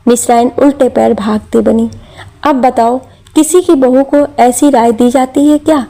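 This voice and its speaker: A woman's voice: sits high, steady tone, unhurried, dark tone. A woman telling a family drama story in scripted narration, reading every character's lines in her own voice.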